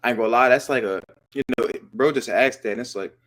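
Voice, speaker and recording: A man hosting a relaxed podcast conversation, his voice sitting at an ordinary middle pitch. He talks in a slangy, animated way, jumping up in energy and now and then dropping to a hushed whisper for effect. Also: fast. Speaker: podcast host. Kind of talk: casual podcast chat.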